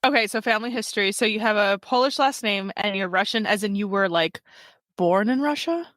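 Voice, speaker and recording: An animated American woman hosts a podcast, chatting casually with a guest. She laughs often and jumps into playful voices when she retells stories. The recording is dry and close, with no room sound around her. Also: medium pitch, fairly quick, dry recording. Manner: bubbly, laughs often, acts out quoted voices. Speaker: podcast host. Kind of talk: casual interview chat.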